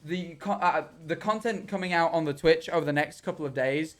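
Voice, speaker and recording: Young male streamer, casual chat, rambles and backtracks, slightly raised pitch. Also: brisk, soft background music. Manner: rambling, self-correcting, swears freely. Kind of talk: casual livestream chat while gaming.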